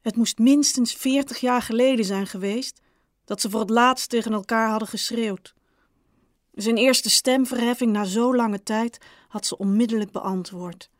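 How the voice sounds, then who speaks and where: A woman author reading her own short story aloud in a calm, measured, understated way. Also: on the high side, no echo, studio quality. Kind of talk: audiobook narration.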